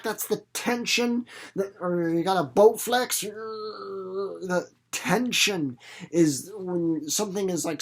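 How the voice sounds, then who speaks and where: A literature teacher and reader hosts a read-aloud video series, offering casual commentary and explanation for students. His or her mid-range voice rambles theatrically and playfully, with acted-out examples, sound effects, informal phrasing, and repeated words for emphasis.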